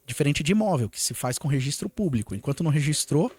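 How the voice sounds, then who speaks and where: Husky Brazilian man telling a story. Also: a little high, fast, no echo. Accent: Brazilian Portuguese. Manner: animated, acts out quoted dialogue. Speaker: lawyer guest. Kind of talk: casual podcast storytelling.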